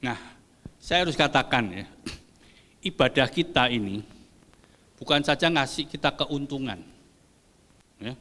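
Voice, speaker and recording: An older man preaching a sermon as pastor, lively and joking with the congregation. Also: mid-range voice, unhurried, pauses often. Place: church hall. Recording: long church hall reverb.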